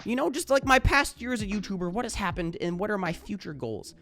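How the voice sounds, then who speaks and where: A man's voice: sits high, animated, fast, a bit bright. A man talking to camera in a casual vlog, rambling with lots of fillers and casual swearing. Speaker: YouTuber.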